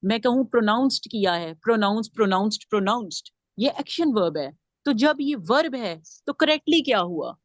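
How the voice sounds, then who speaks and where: Leading a grammar lesson at a moderate pace, a woman with a rather high voice sounds animated as she breaks down each point and keeps quizzing her students. Her voice is captured up close and dry, with no room sound.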